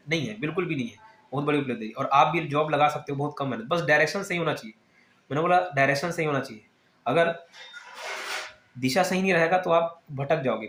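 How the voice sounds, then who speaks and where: A man gives exam-prep students a quick, direct pep talk, his voice sitting a little high. He speaks earnestly and persuasively. The room around him is echoey. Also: fairly bright tone. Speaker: exam coaching teacher.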